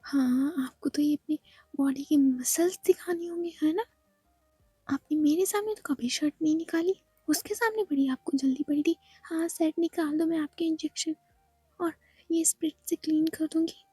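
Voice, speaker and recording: A woman's voice: sits high, moderate pace, warm tone, no echo, soft background music, close to an everyday voice. A woman voicing a jealous, possessive young woman in a whispered role-play, scolding sharply.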